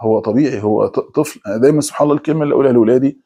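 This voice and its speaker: Gravelly fast-talking Egyptian preacher man. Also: mid-range voice, mellow. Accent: Egyptian Arabic. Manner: conversational, mimics excuses in quick asides. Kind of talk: religious talk.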